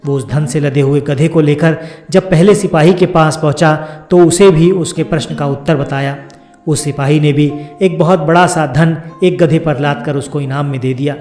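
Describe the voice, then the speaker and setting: कहानी सुनाता पुरुष, गूंजता कमरा. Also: male voice, fairly high pitch. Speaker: storyteller. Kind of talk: scripted fairy tale narration. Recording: roomy sound with soft background music.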